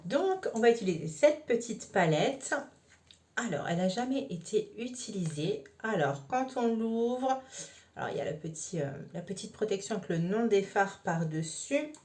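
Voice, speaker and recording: A woman's voice: mid-range voice, expressive, moderate pace, darkish tone. A woman talking through a makeup tutorial step by step, casual and chatty with frequent fillers. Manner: chatty, explains each step with many fillers. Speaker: makeup vlogger.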